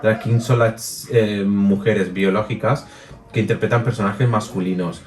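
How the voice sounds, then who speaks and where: Chilean man, lively and low-voiced. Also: a little slow, distant mic. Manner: animated, many restarts and fillers, laughs easily. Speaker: interview guest, drag performer and DJ. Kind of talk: casual interview chat. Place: room with a jacuzzi.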